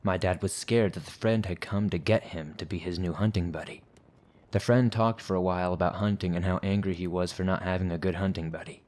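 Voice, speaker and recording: Steady and unhurried, a fairly low male voice narrates listener-submitted scary tales in a measured, even way. He's the host of a horror podcast, delivering scripted story narration.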